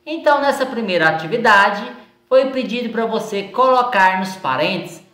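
A woman teacher with a Brazilian Portuguese accent going over exercises in a recorded lesson, slow and patient, stretching words out syllable by syllable. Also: fairly high pitch, expressive, fairly bright tone. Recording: echoey room sound.

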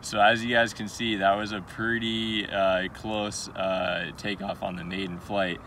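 A man's voice: lowish voice, unhurried. A young man hosting a hobby video, talking casually on camera at an open airfield with lots of filler uhs. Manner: relaxed, many filler uhs. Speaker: RC hobby channel host. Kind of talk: casual on-camera vlog talk. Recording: outdoor noise behind.

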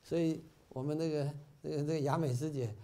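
A man's voice: on the high side, fairly even intonation, fairly quick. Man giving a dharma talk. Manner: warm exhortation with frequent "啊" fillers, rising to emphatic peaks. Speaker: volunteer leader giving a talk. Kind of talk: informal Buddhist dharma talk. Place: bookstore meeting hall.

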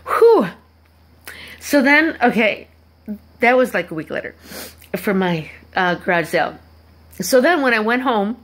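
A woman telling a personal story to her viewers in a halting, rambling way, with many restarts and asides. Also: mid-range voice. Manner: animated when acting out quoted people. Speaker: vlogger.

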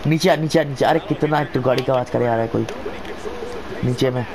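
A man giving excited, chatty play-by-play of a wrestling video game like an informal commentator, often repeating his phrases. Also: mid-range voice, fairly quick, noisy background. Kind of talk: excited casual gameplay commentary.

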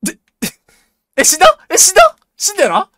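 A woman streamer talking to herself through a tense match in rough, slangy, excitable speech. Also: extremely high pitch, a little fast, no echo. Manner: jumpy, excitable self-talk, rough slangy speech, frequent laughs. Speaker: game streamer. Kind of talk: live gameplay commentary.

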